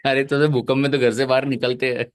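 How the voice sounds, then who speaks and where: A man's voice: mid-range voice, level tone, fast talker, clean tone. A male teacher giving a live online lecture, chatty and joking, mixing English terms into his talk.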